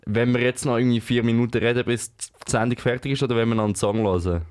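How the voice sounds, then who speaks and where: A man's voice: mid-range voice, steady tone, fast talker, clear, resonant tone. A young man hosting a casual radio chat, laid-back and joking, with slangy speech. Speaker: radio show host.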